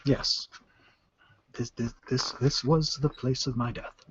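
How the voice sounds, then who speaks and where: A man's voice: mid-range voice, steady tone, takes it slowly, a little hiss or hum, lightly acted. A man voicing the courteous, formal and hesitant ghost of a forgetful scholar in a tabletop game. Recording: dull lo-fi audio.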